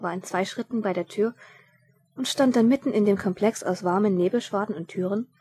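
Female storyteller, lively audiobook narration, plain voice. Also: mid-range voice. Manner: lively storytelling with small slips.

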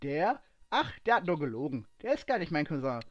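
A man's voice: fairly high pitch, very animated, brisk, dull audio. A man reading a story aloud and voicing a brash, cheeky young woman who captains a pirate crew, blunt and stubborn.

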